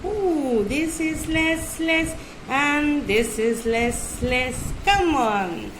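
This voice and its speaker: A woman's voice: high voice, animated, drawn-out words, noisy background. A woman with an Indian accent teaching small children in a playful, repetitive sing-song, with the showy manner of a kids' party magician. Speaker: primary school maths teacher. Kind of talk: children's lesson with playful chanting.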